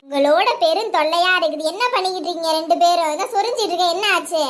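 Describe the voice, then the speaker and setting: A woman's voice: very high voice, quick pace, crowd noise. A woman voicing a mother in a cartoon who scolds the kids for dirtying the house. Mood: scolding. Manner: scolding, nagging.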